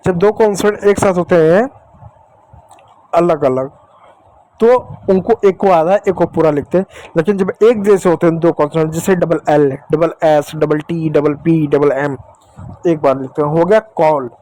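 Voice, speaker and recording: A man with a fairly high voice and a Hindi accent teaches children to read English. He asks a question and answers it himself, and he spells out each letter slowly and deliberately. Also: dark tone, no echo, rough recording. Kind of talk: explaining phonics on a board.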